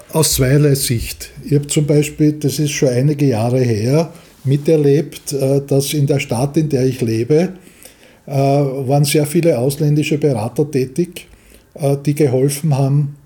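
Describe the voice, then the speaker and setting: Hesitant older Austrian man, dark voice. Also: fairly high pitch. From Austria, Vienna. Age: 70s. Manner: hesitant, many fillers and restarts. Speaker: studio guest. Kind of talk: interview answers.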